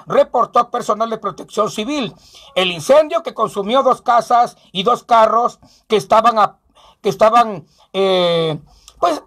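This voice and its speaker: High-voiced mexican guy, clown doing his own show, bit raspy, reels off ads and numbers. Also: a bit bright. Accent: Mexican Spanish. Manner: joking, reads ads and phone numbers rhythmically. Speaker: clown host of a local show. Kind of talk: comic radio-style show with ads and news.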